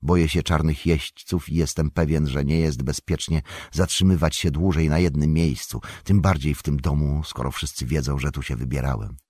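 A man voicing a thoughtful, wary young male hobbit hero who speaks in a measured, reflective way in an audiobook. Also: extremely low pitch, steady tone, a little mellow, breathy edge, no room sound, clean studio sound. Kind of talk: audiobook character voice.

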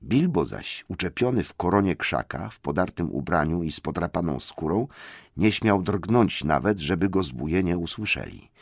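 A man narrating an audiobook fairy tale in an expressive storytelling manner. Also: low voice, normal speed, gravelly, breathy edge, dry recording, studio quality. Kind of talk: scripted narration.

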